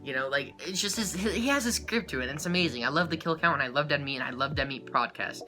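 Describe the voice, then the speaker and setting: A man giving a rambling, excitable life update to his viewers as a small YouTuber, full of fillers and quick laughs. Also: on the high side. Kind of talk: casual chat to camera.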